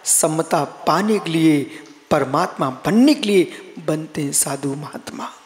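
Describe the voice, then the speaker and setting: A slow, high-voiced man from India preaching a live sermon, rolling his phrases in repeating, chant-like rhythms and calling out to listeners by name. His voice rings with the long reverb of a large hall. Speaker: Jain monk preacher.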